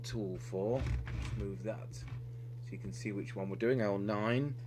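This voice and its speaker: Slow and lowish, a man's voice guides listeners through a radio repair at an indoor workbench. The hands-on demo is unscripted, delivered step by step with some hesitancy, over a clearly noisy recording humming with electricity.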